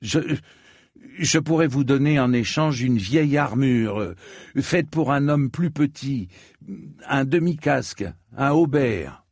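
A man's voice: mid-range voice, animated, slow pace, darkish tone, no room sound, studio quality, pitched above the performer's own voice. A man voicing a tall young hedge knight who speaks earnestly and a little hesitantly.

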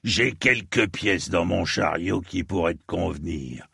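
A man doing a gruff, proud armorer. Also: deep voice, measured pace, fairly bright tone, no room sound, studio quality, exaggerated voice. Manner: gruff, blunt, matter-of-fact. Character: stocky proud bearded male armorer, blunt.

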